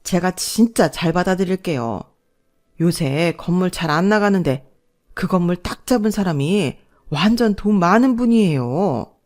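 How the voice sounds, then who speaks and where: A flattering property broker in a storybook drama, voiced by a woman narrator. He keeps up an eager, pushy stream of sales talk. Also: lowish voice, measured pace.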